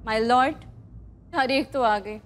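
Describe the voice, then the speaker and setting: An actress putting on the voice of a scheming TV-serial daughter-in-law, with an exaggerated, dramatic delivery in a comic improv game. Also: female voice, a little high, extremely slow.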